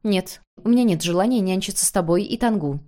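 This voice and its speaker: A woman's voice: medium pitch, quick pace, dark tone, close to an everyday voice. A woman voicing a stubborn, exasperated young adult daughter who answers curtly and firmly. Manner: curt, firm refusals.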